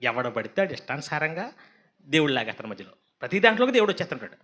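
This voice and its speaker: Animated man preaching a sermon. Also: a little high, very fast. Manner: animated, mocking asides and quoted voices. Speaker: pastor.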